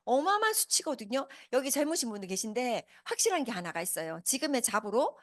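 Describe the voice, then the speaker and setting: A woman's voice: fairly high pitch, very animated, fast talker, fairly bright tone, dry recording, clean studio sound. A woman in her fifties gives a motivational business talk to a live audience, asking them many questions. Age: 50s. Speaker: business presenter. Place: meeting hall with a live audience.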